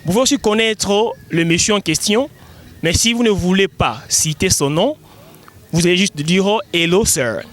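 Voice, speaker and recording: High-voiced man teaching a language lesson. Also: a bit bright. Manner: slow, drilled repetition of words for learners. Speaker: English teacher hosting a web lesson. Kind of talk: classroom-style language lesson.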